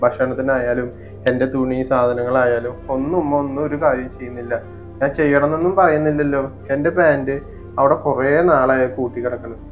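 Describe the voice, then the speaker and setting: A man's voice: medium pitch, lo-fi sound, soft background music, lightly acted. A young man playing a hurt, patient stepson in an amateur family short film. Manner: hurt, pleading, quick and flat. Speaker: elder stepson in a family skit.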